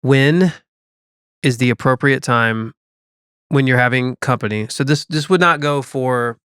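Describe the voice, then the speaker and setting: A man co-hosting a podcast in casual chat, chatty and easygoing at a middle pitch. His voice is recorded dry and close, with no room sound. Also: a little slow, a bit bright, clear, resonant tone, no echo. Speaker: podcast co-host.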